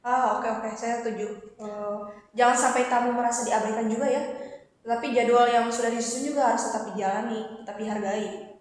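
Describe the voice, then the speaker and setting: A woman playing a calm female company director in an amateur workplace role-play, informal and a little hesitant as she instructs and consults. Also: on the high side, brisk, close to an everyday voice. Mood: calm, consultative. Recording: very echoey, reverberant room.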